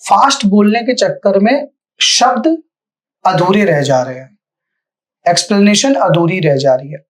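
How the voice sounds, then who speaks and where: A man giving direct, firm feedback to a candidate after a mock interview, as a panelist. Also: a little slow. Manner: direct, firm coaching, lively pitch swings.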